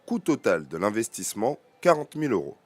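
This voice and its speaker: Low-voiced French news narrator. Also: male voice, very animated, fairly quick. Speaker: news presenter and reporter.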